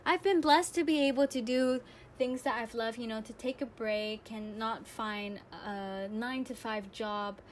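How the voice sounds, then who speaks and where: A young woman hosts a radio-style podcast, sharing personal stories with her listeners in an earnest, reflective way. Her voice sits a little high and moves a little slowly, with slight background noise.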